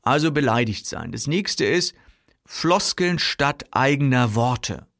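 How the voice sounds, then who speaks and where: A man with a gravelly, creaky voice talks salespeople through their habits in a loose, conversational way. He slips into short voices for customers and sellers as he goes. The sound is dry and close, with no room around it. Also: mid-range voice, animated, slow, fairly bright tone, no echo. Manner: chatty, acts out customer and seller quotes. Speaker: sales trainer. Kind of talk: casual spoken sales coaching.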